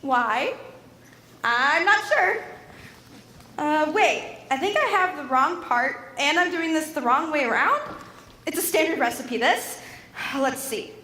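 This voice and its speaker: A woman's voice: sits high, lively intonation, slow pace, pauses often, bright, forceful tone, exaggerated voice. A young woman acting a bossy, scatterbrained fairy who lives in a mirror, in a school stage play. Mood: brisk. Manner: bossy, theatrical. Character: brisk, vain, scatterbrained female fairy in a mirror. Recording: roomy stage hall with music.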